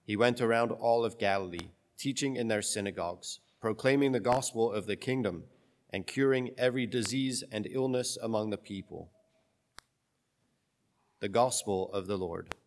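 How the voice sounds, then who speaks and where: A priest with a fairly low male voice reads scripture and then preaches from the pulpit. He speaks conversationally and haltingly, with many restarts. His voice rings out with a long cathedral-like reverb from the large church around him. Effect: long cathedral-like church echo. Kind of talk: gospel reading and homily.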